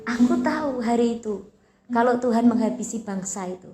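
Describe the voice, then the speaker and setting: A woman pastor preaching emphatically, swinging between loud and soft, in an echoey church hall with loud guitar behind. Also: on the high side, a little fast. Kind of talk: sermon.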